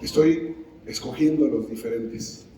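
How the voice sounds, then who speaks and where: A man's voice: mid-range voice, a little slow, dark tone, slight background noise. A man preaching a sermon in a church, calling on the congregation to answer back and acting out scripture scenes. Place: church sanctuary. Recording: very echoey hall, mic far off.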